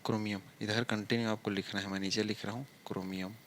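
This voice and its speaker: This man speaks in a fairly low, flat, slightly bright voice over a faint hiss or hum. Writing on the board, he drawls through a chemistry lesson step by step, asking questions and supplying the answers himself.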